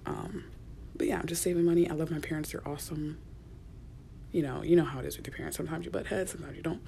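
A young woman hosting her own podcast, chatting in a soft, rambling way with many fillers and restarts, sometimes dropping to a whisper. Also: low-pitched, fairly even intonation, fast talker, creaky, slight background noise. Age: young adult. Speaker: podcast host. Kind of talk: casual solo podcast rambling. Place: small enclosed room at work.

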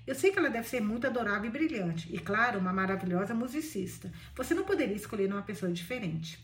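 A woman with a Brazilian accent reading the lines of a lively, cheerful young heroine in a bright, exclamatory way. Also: mid-range voice, quick pace, roomy sound, distant mic, lightly acted. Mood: warm. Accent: Brazilian Portuguese.

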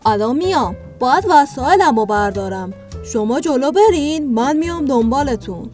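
A man voicing a young boy in a storybook reading, with a high boyish put-on voice. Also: expressive, darkish tone, faint music behind. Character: young boy, embarrassed and evasive. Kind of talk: storybook voice acting.

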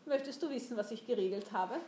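A woman's voice: on the high side, fast, warm tone, a little hiss or hum, close to an everyday voice. A woman voicing a domineering, mocking older merchant who talks down to a boy in a storybook reading. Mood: commanding. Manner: commanding, mocking. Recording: roomy echo.

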